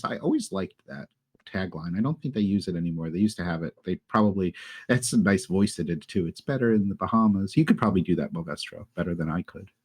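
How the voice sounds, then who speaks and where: A man's voice: on the low side, a little mellow, breathy edge. A man hosting a travel podcast in casual chat, often laughing as he talks. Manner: laughs often while talking. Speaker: podcast host.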